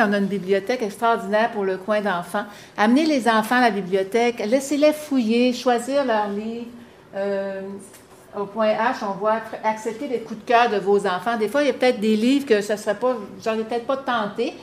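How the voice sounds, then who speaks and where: An animated Quebec French woman advises parents in an encouraging, chatty way. Her voice sits fairly high. She sounds as if she is in an echoey room with a faint hum behind her. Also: a little fast. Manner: animated, encouraging, with frequent fillers. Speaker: presenter on reading to children. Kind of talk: lively instructional talk.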